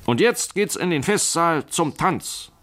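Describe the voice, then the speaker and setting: A man voicing a hearty older country host in a radio reading, with raised, lively, festive calls. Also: fairly low pitch, normal speed, very noisy. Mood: jovial. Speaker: host of the house.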